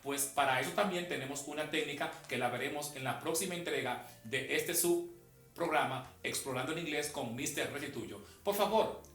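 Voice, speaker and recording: A fairly high-voiced man teaches English pronunciation, slow and emphatic, drilling each word. His voice rings in an echoey room, with faint music underneath. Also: a bit bright. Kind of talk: pronunciation lesson.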